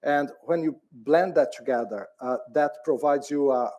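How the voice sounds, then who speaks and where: On a conference panel, a middle-aged Brazilian department head speaks in a mellow, soft-edged, mid-range voice. He talks haltingly, restarting and repeating words, and laughs easily, though the recording is muffled.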